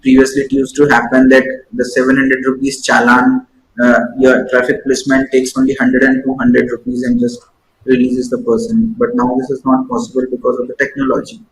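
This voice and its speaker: A man's voice: medium pitch, fairly even intonation, a little fast. A man with an Indian accent acting as a job interviewer, asking probing questions and explaining them with examples. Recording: echoey room with faint noise.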